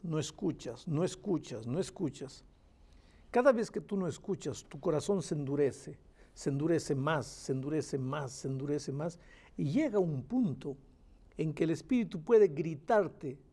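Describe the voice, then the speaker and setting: A man explaining scripture in a recorded Bible study. His voice sits fairly high for a man but sounds mellow and dark. He leans on repetition to drive points home. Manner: emphatic, repeats phrases for stress, reads verses aloud. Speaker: Bible teacher. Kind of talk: Bible study answering questions.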